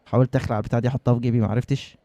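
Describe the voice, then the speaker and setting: A man speaks straight to his viewers in a quick, casual aside. His voice is mellow and darker in tone and races along. The recording is close and dry. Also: mid-range voice, fairly even intonation, no room sound, lo-fi sound.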